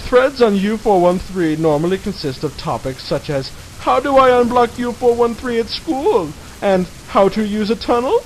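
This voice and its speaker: A man's voice: sits high, darkish tone. A man giving a mock-dramatic reading of a satirical article in a theatrical, mocking manner, as narrator. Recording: hissy, noisy home recording.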